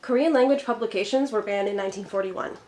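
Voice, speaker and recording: Speaking quickly at a medium pitch with a slightly mellow quality, a woman from Minnesota, USA, narrates a scripted Korean lesson as a tutor. English is her first language, and her manner is friendly and upbeat.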